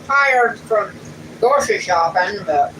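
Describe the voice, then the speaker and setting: In a noisy room with a distant mic, a middle-aged woman reads viewers' comments aloud on a family livestream, chatty, homey and plainspoken. She talks slowly in a mid-range, animated, fairly bright voice.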